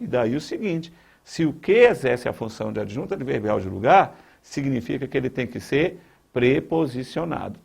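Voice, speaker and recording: A man's voice: medium pitch, vocal fry, darkish tone, slightly rough. A man with a Brazilian Portuguese accent teaching grammar for an exam, repeating key points with emphasis and talking straight to the viewer. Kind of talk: exam-prep lesson.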